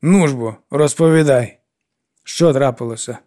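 A man's voice: mid-range voice, moderate pace, dark tone, voice pushed up, close to an everyday voice. A man voicing an older woman who scolds and mothers a troubled girl in an audiobook. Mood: coaxing. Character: older woman, stern yet kindly widow.

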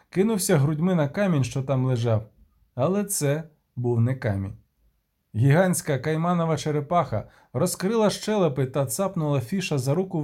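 A man narrating an audiobook with a steady, measured reading. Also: a little high.

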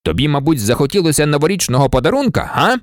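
A man reading an audiobook, voicing a stern, impatient policeman who talks in a brisk, scolding, sarcastic way. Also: a little high, big pitch swings, no echo, clean studio sound. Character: gruff stern male policeman, mocking and impatient.

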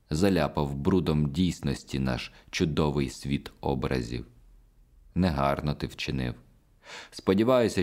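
A gentle, mysterious host of a magic theatre speaks softly and reproaches mildly, as a male reader puts him on. The voice is extremely deep. It is an unhurried storybook telling. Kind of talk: audiobook dialogue reading.

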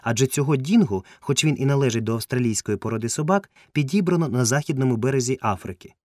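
A man's voice: medium pitch, fast talker, darkish tone, no echo, voice pushed up, close to an everyday voice. A man voicing a fussy, eccentric male entomologist, pedantic and easily indignant, in a dry, close recording.

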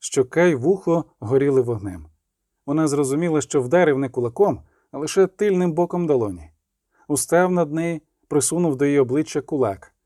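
Male audiobook narrator, higher-pitched, mellow, measured, dry close sound. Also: lively intonation, dry recording. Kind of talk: scripted narration.

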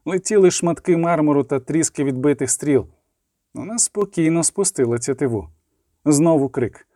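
A man's voice: a little high, normal speed, mellow, no room sound, clean studio sound. Man narrating a fantasy audiobook.

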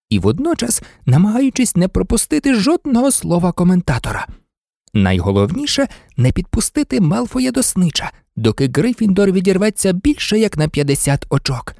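A man's voice: sits high, huge pitch swings, moderate pace, gravelly, darkish tone, dry recording, studio quality. A man narrating an audiobook expressively, voicing every character himself. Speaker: audiobook reader.

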